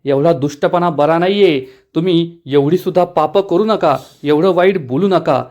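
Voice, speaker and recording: A man's voice: on the high side, normal speed, a little mellow, muffled recording, natural voice. A man voicing an outspoken young woman who talks indignantly. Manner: indignant, reproachful.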